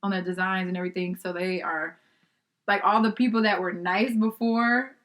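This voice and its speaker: A woman's voice: lowish voice, steady tone, moderate pace, fairly bright tone. A young adult woman, a podcast guest, telling a story in casual chat, acting out the voices of the people she quotes and laughing often.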